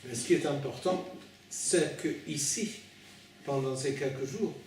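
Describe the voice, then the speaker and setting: A man who is not a native French speaker preaches informally in French with a foreign accent, in a halting, hesitant way, repeating and correcting his words as he addresses listeners directly. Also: medium pitch. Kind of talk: informal sermon at an evening meeting. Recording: very echoey room, distant mic, faint noise.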